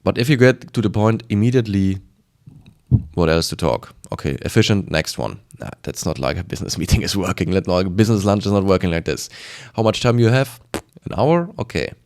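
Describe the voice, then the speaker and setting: Presenting a sales video, a man with a strong German accent speaks in a low, expressive, gravelly voice that is a little mellow and a little fast. His informal advice is emphatic and repetitive, often acted out in brief snippets of dialogue.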